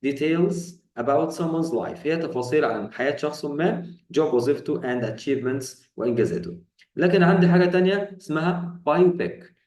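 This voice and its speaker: A man's voice: on the high side, expressive, moderate pace, darkish tone, reverberant, far from the mic, poor audio. A man with an Egyptian Arabic accent teaching English vocabulary, explaining each term in colloquial Arabic and asking his students questions. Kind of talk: vocabulary lesson.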